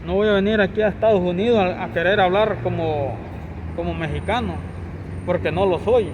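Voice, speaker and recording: A man's voice: high voice, a little fast, background noise. A young Honduran man with a Honduran Spanish accent, giving an insistent, repetitive opinion rant to camera as a vlogger, recorded outdoors by a street.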